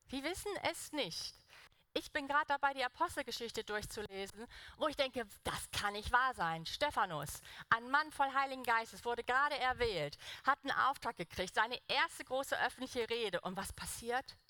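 A woman's voice: a little high, animated, moderate pace, sharp tone, no room sound, studio quality. A young woman preaching a sermon in an earnest, conversational way, putting direct questions to the congregation.

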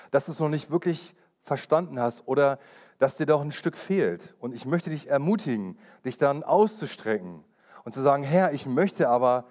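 An earnest male pastor preaching to his congregation at a pitch typical for a man. He hammers his points home by repeating key phrases, and he leans into personal testimony with urgency. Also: a little mellow. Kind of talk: sermon.

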